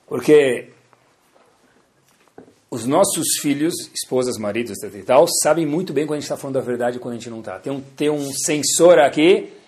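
A rabbi teaching a Torah lesson with stories, lively, swinging between loud emphasis and soft asides, and acting out the dialogue. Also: male voice, medium pitch, a little fast. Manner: acts out dialogue in his stories.

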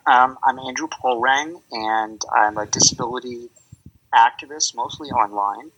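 Male podcast guest, halting talk, lo-fi audio with clear background noise. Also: mid-range voice, fairly bright tone. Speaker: podcast guest, activist and writer. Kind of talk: casual self-introduction. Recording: dull, noisy line with clicks.

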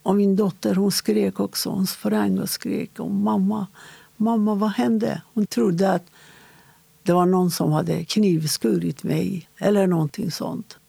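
A woman with a deeply gravelly, fry-laden voice and a husky edge, recounting a personal story for an interviewer. She speaks in a halting, measured way, with short pauses between phrases. The sound is close and dry. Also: fairly even intonation, dark tone, dry recording.

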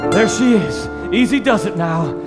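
A man's voice: high voice, expressive, moderate pace, loud music behind the voice. A man playing a swaggering backwoods turkey hunter who brags that he is the best. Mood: boastful. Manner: swaggering, competitive bragging. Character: boastful gruff male turkey hunter.

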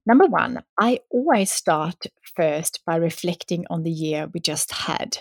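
A woman's voice: deep voice, lively intonation, a little slow, dry recording, clean studio sound. A woman hosting a solo advice podcast, upbeat and encouraging, speaking to the listener in a tidy, step-by-step way. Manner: encouraging, addresses listener directly. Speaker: podcast host.

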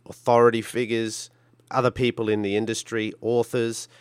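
A man's voice: medium pitch, level tone, normal speed, smooth, dry recording. A middle-aged man with a Queensland Australian accent, talking casually on his own as a podcast host. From Brisbane, Australia. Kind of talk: casual solo podcast talk.

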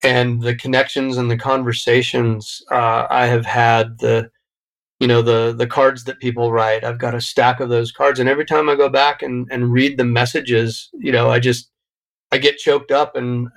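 A man's voice: medium pitch, level tone, moderate pace, vocal fry, a bit bright, poor audio. A middle-aged man, a guest in an interview, telling a personal story in a reflective, emotional way with frequent restarts. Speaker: podcast guest. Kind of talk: interview conversation.

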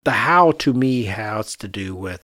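A podcast co-host and architect with an American accent discusses architecture casually, explaining and thinking aloud along the way. His lowish voice has lively intonation and a bright, forceful tone at a measured pace. It's studio-quality audio with no echo.

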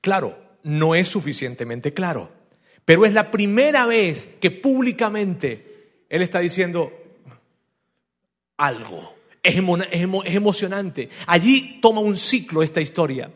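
A man from Venezuela, a pastor preaching a sermon in an animated storytelling way, asking his listeners direct questions. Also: high voice, unhurried.

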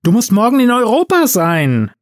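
A man's voice: medium pitch, sing-song, a little slow, darkish tone. A man voicing a laid-back young male elf artist with an easygoing, wry way of talking. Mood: exasperated.

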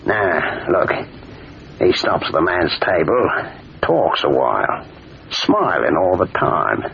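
A boastful master thief swings his lively voice up and down with hearty swagger. The dull old radio recording has a faint hiss. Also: low-pitched, slow, creaky, exaggerated voice.

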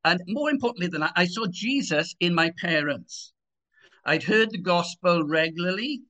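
In a voice that sits high, with a sharp tone and lively intonation, a Swansea man in his sixties speaks at a moderate pace. He has a Swansea Welsh accent and gives personal testimony conversationally as an interview guest.

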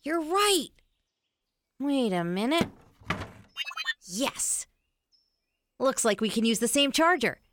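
A woman's voice: high voice, slow, long pauses, heavily acted. A woman playing a patient, sensible young boy. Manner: calm, explains things gently. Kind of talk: family audio drama.

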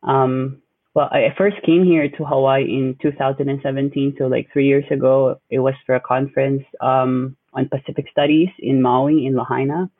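A young Filipino man, a graduate student, answers interview questions hesitantly and with plenty of fillers in a casual interview. His voice is medium-pitched and level, at a moderate pace. The recording is dry and tinny, like a phone line.

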